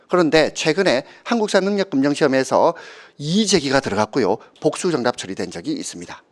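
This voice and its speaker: A middle-aged man teaches an exam-prep history class. His voice is mid-pitched and swings up and down with lively intonation as he checks in with the class through quick tag questions and sometimes acts out an anecdote. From Gyeongsang region of Korea. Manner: keeps asking students to confirm with short tag questions; tells anecdotes and acts out quoted speakers. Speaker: history lecturer.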